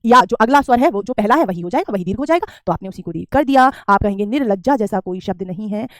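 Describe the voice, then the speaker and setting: A woman's voice: mid-range voice, animated, quick pace, a bit bright, no echo, clean studio sound. A woman teaching a live online grammar lesson, drilling students with questions and repeating each answer back to them.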